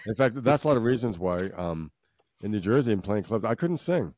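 Male co-host, rambling casual chat, low voice, rapid delivery, dry close sound. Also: lively intonation, darkish tone. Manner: rambling, chuckling, trailing off. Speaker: co-host, musician.

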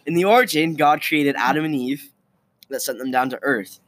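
Halting man co-hosting a podcast. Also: on the high side, fairly bright tone. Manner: halting, with fillers and laughs. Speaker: co-host. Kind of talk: casual podcast chat.

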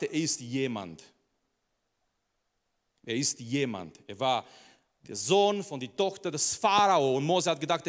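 Man preaching in a reverberant hall. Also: a little high. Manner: emphatic, repeats phrases, asks the audience rhetorical questions. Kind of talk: sermon. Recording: long reverb of a large hall.

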